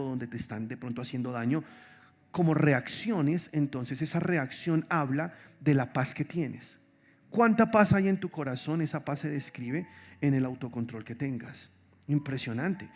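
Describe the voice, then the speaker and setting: A man preaching a sermon as pastor, conversational and animated, asking the congregation many rhetorical questions. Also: mid-range voice. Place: church.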